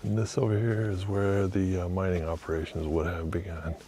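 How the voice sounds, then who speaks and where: A man vlogging as he walks outdoors beside a river under an old bridge, musing quietly and thinking aloud with fillers. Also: low-pitched, flat delivery, fairly quick, slight background noise. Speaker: vlogger exploring historic sites. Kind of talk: casual walking narration.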